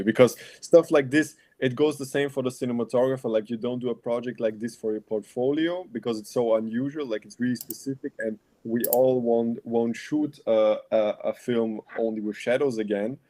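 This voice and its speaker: A young man raised in Austria with Bulgarian as his first language, answering questions as a film director at a festival Q&A in a halting, reflective way. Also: on the low side, dark tone. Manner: halting and reflective, with light laughs.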